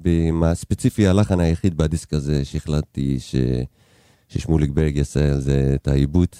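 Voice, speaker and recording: A man who is a singer, a guest on a radio show, talking in a relaxed way with a naturally very deep bass voice. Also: clear, resonant tone, no echo, clean studio sound. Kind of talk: casual radio interview. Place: radio studio.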